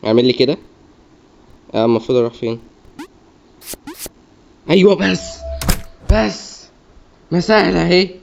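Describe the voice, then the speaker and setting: A man's voice: fairly high pitch, expressive, moderate pace, creaky, long pauses. A young man with an Egyptian Arabic accent, commentating his gameplay as he mutters repeated self-coaching. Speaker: gamer. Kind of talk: gaming commentary. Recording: dull lo-fi mic, faint noise.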